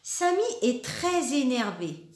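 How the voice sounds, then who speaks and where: A woman's voice: sits high, sing-song, takes it slowly, a little mellow, roomy sound, slight background noise. A woman reading children's storybooks aloud with playful character voices, laughing now and then and chatting between lines.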